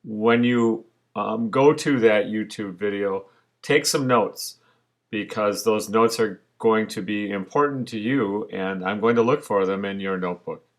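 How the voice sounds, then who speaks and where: Man, science teacher, recorded slide lesson, patient explanations, lowish voice. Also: measured pace. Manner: patient, explanatory, with frequent fillers.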